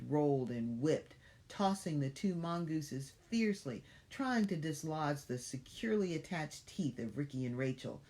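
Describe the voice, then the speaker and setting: A woman's voice: very deep voice, darkish tone. A woman reading a children's story aloud as if to a toddler, dramatic, with questioning asides to the young listener.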